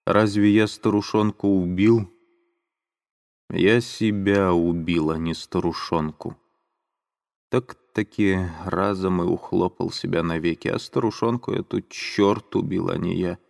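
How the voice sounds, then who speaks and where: A man voicing a tormented young man who confesses in a grave, slow, heavy way. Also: deep voice, fairly even intonation, gravelly, darkish tone. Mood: brooding. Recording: long reverb.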